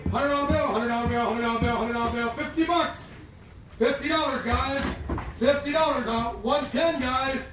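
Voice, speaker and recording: A man working as an auctioneer, calling bids in a rapid, repetitive chant and urging buyers on in a folksy way. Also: very high voice. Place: live auction sale, off the mic. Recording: distant, echoey, clearly noisy live auction.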